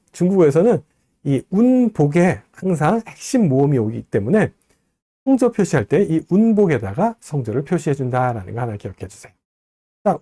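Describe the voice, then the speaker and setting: A man giving a recorded lecture, explaining step by step and slowly modeling pronunciations. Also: a little high, warm tone, no room sound, clean studio sound.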